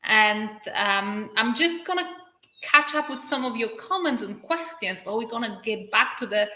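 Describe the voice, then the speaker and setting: Her voice sits on the high side, bright and forceful with lively intonation. She is a spiritual channel and activator from Poland, answering viewer comments in a livestream, in accented second-language English. She stretches key words and uses dramatic pauses, and the room echoes.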